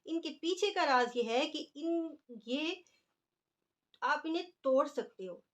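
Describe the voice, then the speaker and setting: A woman's voice: high voice, expressive, takes it slowly. A woman teaching an English grammar lesson, explaining patiently and stretching out example words as she writes them.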